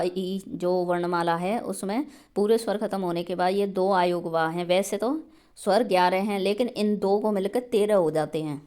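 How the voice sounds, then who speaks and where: A woman's voice: fairly low pitch, darkish tone, clean tone. A woman teaching an exam prep grammar lesson, explaining patiently step by step and checking in often.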